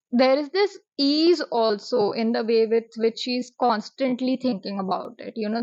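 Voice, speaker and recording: A woman, talking through book reviews in a chatty, expressive vlog style. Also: mid-range voice, no echo. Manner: chatty, expressive, drops in Hindi words. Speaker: booktuber. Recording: dry, slightly muffled.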